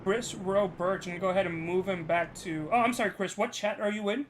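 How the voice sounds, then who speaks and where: A man with a fairly high voice presents a race livestream in a casual, informal way, as if thinking aloud. There is faint noise behind him. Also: brisk. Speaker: race broadcast host.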